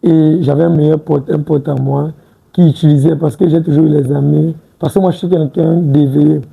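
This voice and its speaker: A gravelly, husky man in his twenties, slightly high-pitched, speaks a little fast in a steady, warm tone as a guest in casual interview talk on a TV studio set. He's hesitant, repeats words, restarts, and says "tu vois un peu"; the recording is rough.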